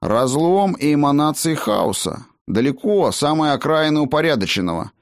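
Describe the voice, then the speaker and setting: A man doing a gruff bossy dwarf tinkerer. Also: on the high side, big pitch swings, dry recording, studio quality, voice pushed up. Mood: brisk. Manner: brisk, bossy.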